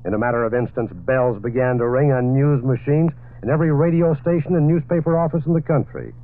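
A man's voice: medium pitch, fairly quick, narrow, tinny audio. A man delivering a 1940s radio news bulletin, reading steadily with an occasional filler, heard as an old radio broadcast.

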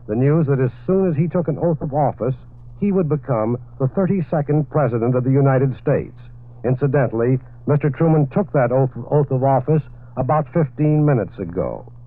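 Male radio newsman from an old 1940s broadcast, tinny phone-like audio, steady reading with a few fillers. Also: medium pitch. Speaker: radio news reporter. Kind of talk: 1940s radio news bulletin.

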